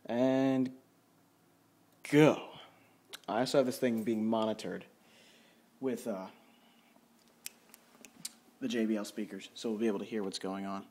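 This man speaks at a measured pace with frequent pauses, his fairly low, dark voice keeping a fairly even intonation. He gives a casual, self-deprecating, unscripted walkthrough of his home studio from a dim room at his computer. The handheld camera or phone mic catches slight background noise along with music.

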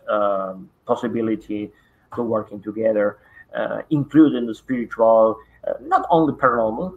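In his home study with bookshelves, a middle-aged Argentine man with a Spanish accent gives an online conference talk over a webcam video call, his English hesitant and full of fillers. His voice is medium-pitched with a fairly bright tone. The audio has a dull, lo-fi video call quality.

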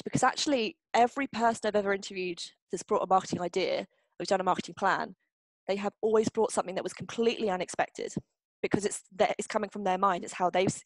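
A woman's voice: medium pitch, no room sound, low-quality recording. Chatty woman answering workshop questions. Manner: chatty, repeats herself, frequent ums and restarts. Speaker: publishing marketing workshop host.

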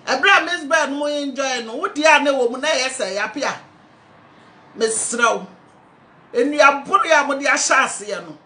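Older woman, Ghanaian accent, high voice, impassioned scolding, phone video at home. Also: sharp tone. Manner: scolding, preachy and pleading. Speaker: party supporter. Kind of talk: impassioned address to camera. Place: indoor room at home. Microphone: phone camera close up.

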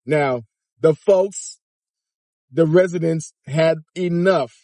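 His voice runs on the high side and slow, in a dry recording. He's a vlogger in his fifties from Miami, Florida, sitting in a car and talking animatedly and chattily to viewers in a casual commentary, filmed by a phone or dash camera at arm's length.

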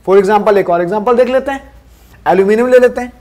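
A male science teacher in a classroom lesson who fires off quiz questions and answers them himself, dropping lower for the answers and repeating key terms drill-style. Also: fast, a little mellow.

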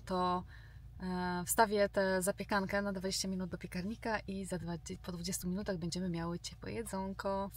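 A woman in her thirties talking casually to the camera in her home kitchen, chatty and relaxed with many pauses. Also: medium pitch. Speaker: vlogger. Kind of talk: casual vlog talk. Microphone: camera close, handheld framing.

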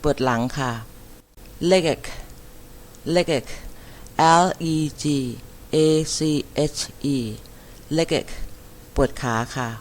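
Woman, English teacher, unhurried, careful enunciation, spelling out words, lesson delivery. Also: deep voice. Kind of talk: slow vocabulary lesson, spelling words aloud.

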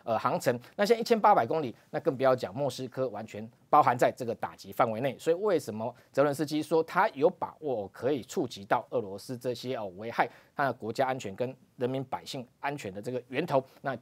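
Male TV pundit with a Taiwanese Mandarin accent, rapid-fire delivery, trailing "哦" particles, emphatic spikes of pitch. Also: animated. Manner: frequent "哦" particles, emphatic rises. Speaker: political commentator. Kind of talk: TV talk show analysis. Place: TV studio.

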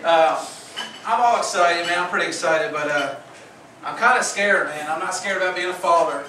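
A young man doing a crude, rambling stand-up comedy set on a club stage, with audience laughter behind him. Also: normal speed. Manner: crude, rambling, puts on high voices for women. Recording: far from mic, echoey club, loud noise.

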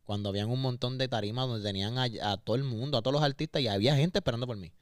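A man's voice: medium pitch, racing, no room sound, studio quality. A man with a Puerto Rican accent, a singer guesting on a podcast, talking openly and emotionally, often repeating words as he searches for them. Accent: Puerto Rican Spanish. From Puerto Rico. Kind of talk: candid interview conversation. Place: podcast studio.

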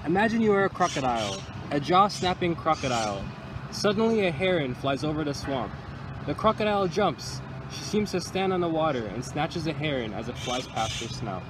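A young man who works for the county's environmental department reads a picture book aloud to little kids outdoors beneath a tree by the water. His fairly high voice rises and falls a lot as he phrases things expressively and deliberately, like a storyteller, and ambient noise is clearly audible.

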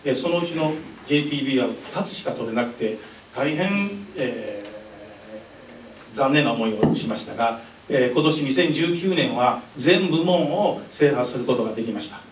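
A man's voice: mid-range voice, expressive, normal speed, slight background noise. An older man heading a professional sports association, speaking very politely and formally at a press conference, hesitating with fillers. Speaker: professional bowling association head. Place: indoor press conference room. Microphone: desk microphone. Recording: roomy, mic a bit distant.

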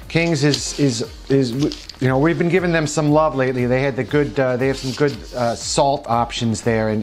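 A man with a New Jersey accent gives casual, opinionated commentary on store flyers, chatty with frequent restarts. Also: medium pitch. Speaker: vlog host.

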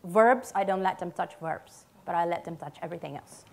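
A woman's voice: fairly low pitch, a little fast, vocal fry, a little mellow. Emphatic woman presenting on stage. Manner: emphatic, short punchy statements and check-in questions. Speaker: conference speaker, radio ad writer. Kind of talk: conference presentation. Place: theatre stage.

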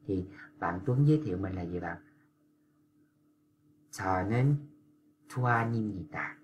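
A man walks learners through pronunciation in a very deep voice. He talks patiently and stretches out syllables when he demonstrates them, with a faint background hum. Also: expressive, brisk, mellow. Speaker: Korean language teacher. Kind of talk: explanatory lesson for language learners.

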